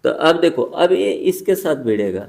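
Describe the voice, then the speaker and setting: A man's voice: a little high, big pitch swings, normal speed, vocal fry, darkish tone. A man teaching a maths class, walking students through each step and checking they follow, in colloquial speech with a few dialect words.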